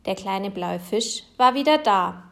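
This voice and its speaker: Slow-reading woman telling a children's story. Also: medium pitch, animated, vocal fry. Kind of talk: reading a children's picture book aloud.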